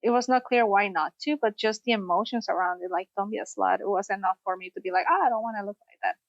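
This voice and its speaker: A woman's voice: medium pitch, fast, dry recording, dull audio. A woman from Costa Rica, a sex therapist, telling her story in a podcast interview. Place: studio, in person.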